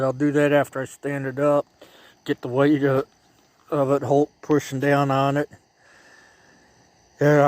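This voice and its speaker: A man narrating his own project vlog outdoors in a casual, halting way, thinking aloud as he works. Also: a little high, dry recording. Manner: chatty and halting, thinking aloud while working. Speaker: DIY vlogger. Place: outdoors by a driveway.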